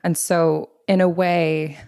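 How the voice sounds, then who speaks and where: A woman's voice: lowish voice, little pitch movement, slow, a little mellow, smooth. A woman in her twenties from Thailand, speaking as a guest in a podcast interview, earnest and reflective. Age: 20s. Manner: earnest, reflective, with many likes. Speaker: guest, literary editor. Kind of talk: conversational interview.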